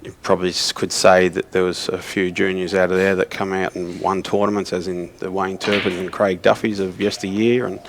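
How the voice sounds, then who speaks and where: A man from Australia co-commentating a snooker match, rambling through stories with many pauses and ums. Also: low-pitched, flat delivery, background noise. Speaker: co-commentator and former player. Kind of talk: relaxed snooker commentary and anecdotes.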